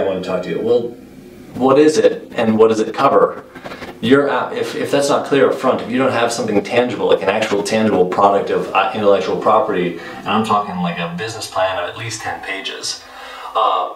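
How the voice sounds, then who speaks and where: A man, a web programmer, answering interview questions in a relaxed way with many fillers and restarts. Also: fairly low pitch, slight background noise. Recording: roomy, distant mic with faint ambience.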